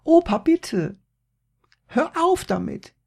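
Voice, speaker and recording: A man voicing a little girl with a shrill, high-pitched voice in a spooky spoken story. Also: big pitch swings, slow, gravelly, full character voice. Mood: frightened.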